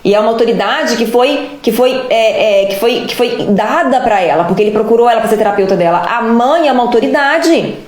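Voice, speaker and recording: A woman's voice: on the high side, brisk, few pauses, darkish tone, reverberant. A woman hosting a live stream, giving blunt relationship advice and scolding her listeners directly. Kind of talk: casual live advice monologue.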